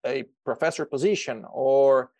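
A man's voice: mid-range voice, moderate pace, darkish tone, dry recording. A man in his thirties from Brazil, speaking with a Brazilian accent, answering questions as a guest in a podcast interview, often restarting and repeating words. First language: Portuguese. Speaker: extension educator guest.

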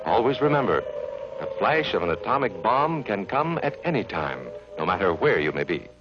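Deep, grave 1950s civil defense film narrator. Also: male voice, big pitch swings, music in the background. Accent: American. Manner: measured, instructive, addressing children. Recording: dull vintage film soundtrack.

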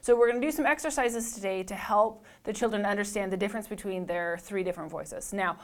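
A woman with a low alto voice teaching a lesson, explaining and then demonstrating sung sirens and notes. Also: fast. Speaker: music teacher. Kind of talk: instructional talk to camera.

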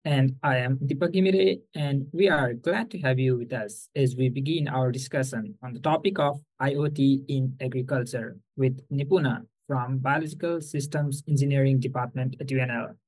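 A man's voice: medium pitch, fairly even intonation, moderate pace, hardly any pauses, darkish tone, no room sound, poor audio. A young man co-hosting a podcast, asking polite formal questions. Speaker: podcast co-host. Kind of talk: interviewer.

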